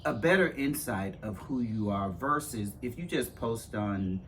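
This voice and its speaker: A man in a casual conversation, talking in a halting way and often restarting as he searches for words. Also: mid-range voice, animated, a bit bright, a little hiss or hum. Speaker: conversation partner.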